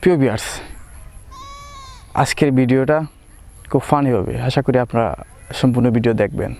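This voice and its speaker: A man's voice: medium pitch, moderate pace, vocal fry, darkish tone. A young man from Bangladesh talking playfully to camera in a casual comic vlog. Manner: playful, mixes standard Bangla with Sylheti dialect. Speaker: vlogger.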